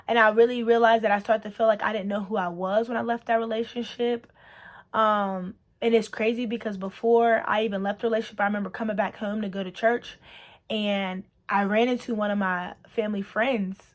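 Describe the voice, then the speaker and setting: A woman's voice: mid-range voice, fairly even intonation, normal speed. A woman tells her personal testimony to the camera. She speaks earnestly and with emotion. Her talk loops back on itself, full of repeats and "like".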